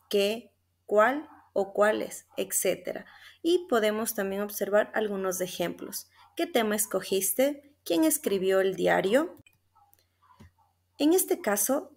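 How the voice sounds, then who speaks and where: A young woman with an Ecuadorian Spanish accent gives a class presentation from slides. She explains step by step and reads the examples aloud. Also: medium pitch. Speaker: student presenter.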